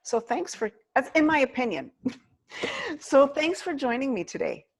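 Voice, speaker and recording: A woman's voice: high voice, big pitch swings, moderate pace, creaky. A woman hosting an interview, introducing her guest with effusive, gushing praise. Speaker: interview host.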